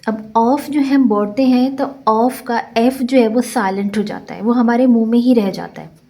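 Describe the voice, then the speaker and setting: A woman teacher from Pakistan with a Pakistani accent, explaining an English textbook lesson and reading phrases slowly before going over them at length. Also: a little high, dark tone, poor audio.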